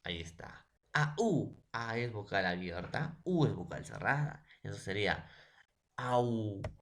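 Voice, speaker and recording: A man's voice: fairly low pitch, sing-song, normal speed, fairly bright tone, slight background noise. A Peruvian man with a Peruvian Spanish accent, a secondary school language teacher giving a recorded lesson, who spells words out syllable by syllable and keeps checking understanding with tag questions. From Peru.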